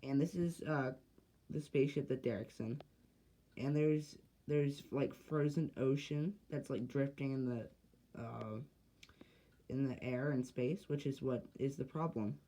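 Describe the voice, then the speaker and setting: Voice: mid-range voice, a little slow, dark tone. A speaker casually narrating a homemade sci-fi short, hesitant and rambling with lots of fillers and restarts.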